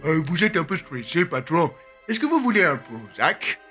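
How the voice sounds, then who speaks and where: Man as fawning henchman with lively pitch. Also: moderate pace, over music. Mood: timid fawning. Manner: fawning, hesitant. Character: obsequious, timid male henchman. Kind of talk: comic cartoon dialogue.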